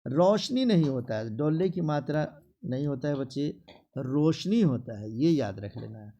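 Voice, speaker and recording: With a Bihari Hindi accent, a man leads a spelling lesson in a classroom, slowly drilling words and repeating them for his students. His voice is mid-range with a dark tone.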